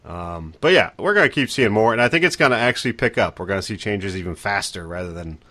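A man with a very low, deep voice talks casually on a tech podcast. He is chatty and relaxed, laughs easily and fills his sentences with "you know" and "um". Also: fast talker.

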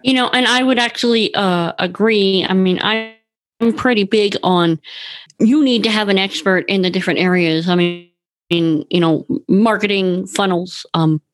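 Woman host, mid-pitch voice, chatty and agreeable, lots of um and uh. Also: moderate pace. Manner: agreeable, hesitant with fillers. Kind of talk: casual chat.

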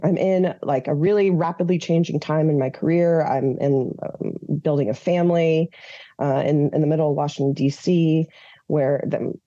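A woman's voice: low-pitched, moderate pace, mellow, no room sound, dull audio. A woman from Minnesota, a podcast guest, telling her personal story in an open, earnest way with fillers and restarts. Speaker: podcast guest, advocacy founder. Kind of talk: candid personal storytelling in an interview.

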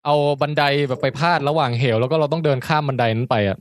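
Fast, animated male storyteller. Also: medium pitch, no room sound, clean studio sound. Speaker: podcast co-host. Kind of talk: casual chat, storytelling.

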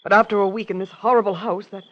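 An actress playing a nervous young nurse, stammering and evasive, in 1940s radio style. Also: female voice, mid-range voice, steady tone, fast, lightly acted. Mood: flustered. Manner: flustered, stammering, breathy. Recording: muffled old radio broadcast.

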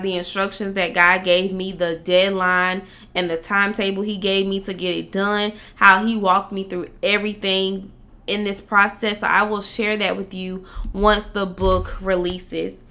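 A woman's voice: mid-range voice, pushed and bright. A woman hosting a podcast, upbeat and chatty, talking straight to her listeners. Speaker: podcast host. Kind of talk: casual podcast talk with read ad.

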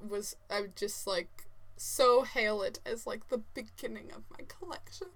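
A woman co-hosting a podcast in casual chat, often halting as she searches for words. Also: on the high side, fairly bright tone. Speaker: podcast co-host.

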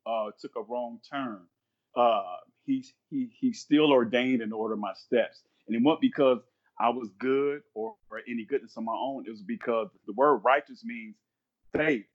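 A man's voice: medium pitch, lo-fi sound. A man in his fifties, a minister and podcast guest, talking earnestly and quoting scripture as he speaks. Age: 50s. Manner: earnest, repeats himself, quotes scripture. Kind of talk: podcast conversation, preaching-flavored.

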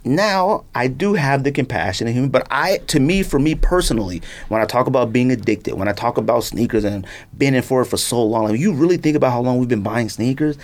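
Speaking from a podcast studio with few pauses, a middle-aged sneaker podcast host uses a mid-range, darkish voice that's animated and a little fast. He keeps things casual and forceful, rambling and repeating points to underline what he thinks.

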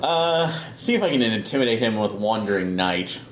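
A man's voice: fairly low pitch, expressive, normal speed, roomy sound, background noise. A man talking casually as a player in a tabletop game.

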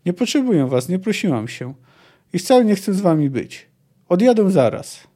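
A proud, defiant teenage girl, voiced by a man reading aloud. Her lines come short and clipped, pitched high with a dark, mellow tone. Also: very animated, normal speed.

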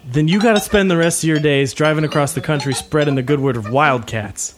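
A man's voice: on the high side, fairly quick, background noise. A man playing a rattled camp counselor in improvised comedy role-play, with a casual, wry, nervous way of talking. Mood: challenging. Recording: music playing underneath.

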